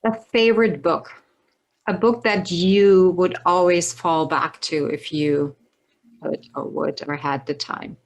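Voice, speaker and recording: A woman's voice: on the low side, fairly even intonation, slow, poor audio. A woman hosting a podcast interview, asking casual questions and answering with encouraging short replies. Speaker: podcast host.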